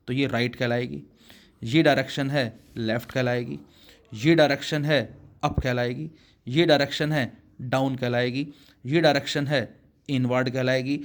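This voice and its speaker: A man teaching a physics lesson, explaining slowly and addressing his students as children, with words his speech. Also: medium pitch. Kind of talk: classroom lesson.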